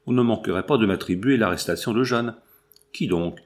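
A wealthy middle-aged schemer speaks in a tense, hushed way, urgent and afraid of being found out, as a man reads him aloud. The voice stays close to an ordinary reading voice. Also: on the low side, brisk, close to an everyday voice. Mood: anxious.

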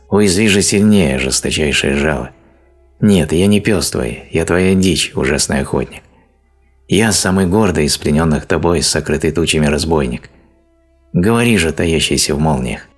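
A man reading an old, self-pitying male sorcerer in an audiobook, pleading and declaiming in a deep voice over faint music. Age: older.

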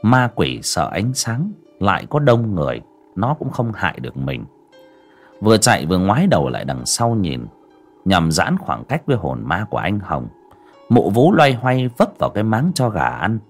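Low, husky male horror narrator. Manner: dramatic, expressive storytelling.

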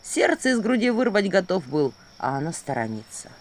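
A brooding, heavy-hearted fairy-tale prince, voiced by a woman reading the tale. He speaks low and slowly, and his tone swings widely between quiet sorrow and sudden outbursts. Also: very animated. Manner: slow, low, heavy storytelling voice.

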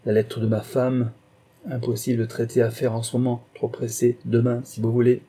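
A man voicing a hurried, brusque financier in an audiobook, speaking in clipped telegraphic phrases. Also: mid-range voice, completely flat delivery, warm tone, natural voice. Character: curt, fussy telegraphic male financier.

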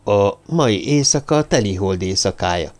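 A man's voice: fairly low pitch, expressive, natural voice. A man voicing a superstitious, anxious male tavern keeper in an audiobook. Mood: questioning.

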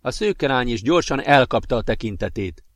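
A man narrating a science fiction audiobook in a calm, even manner. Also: mid-range voice, no echo, clean studio sound. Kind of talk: scripted narration.

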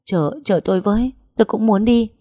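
Một người phụ nữ đọc truyện lồng tiếng một bà mẹ lớn tuổi đang hoảng loạn, gào hỏi dồn dập. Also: female voice, medium pitch, a little fast, dark tone, dry recording, studio quality, voice pushed up, close to an everyday voice. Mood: frantic. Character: frantic older mother, shrill and desperate.

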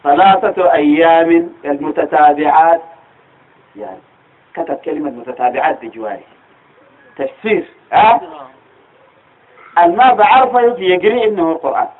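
A Quranic studies teacher with a Sudanese Arabic accent delivers a religious lecture in a slightly high, expressive, breathy voice, speaking fairly quickly with frequent pauses. He explains step by step and poses rhetorical questions to listeners. The audio is tinny, like a phone.

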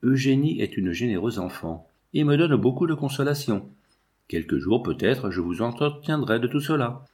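A man's voice: mid-range voice, animated, normal speed, lightly acted. Affectionate letter writer, read by a man. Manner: warm, effusive letter reading. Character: affectionate older male friend writing a letter.

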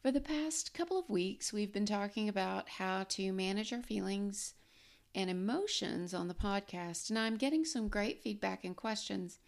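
A woman's voice: medium pitch, normal speed, creaky. A middle-aged woman hosting a solo podcast, speaking in an earnest, coaching tone. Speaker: podcast host.

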